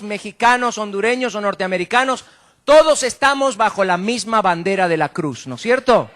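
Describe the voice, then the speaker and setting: An Argentine guest preacher with an Argentine accent delivers a joke-filled, conversational sermon in colloquial language, often ending statements with rhetorical questions. His voice is high-pitched, pushed and bright.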